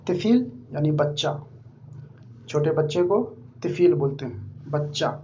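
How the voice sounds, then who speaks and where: A man giving an informal vocabulary lesson, repeating each word slowly several times. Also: fairly high pitch, animated, a little mellow. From India. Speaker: language teacher. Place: living abroad in Saudi Arabia. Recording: dull lo-fi recording with faint hum.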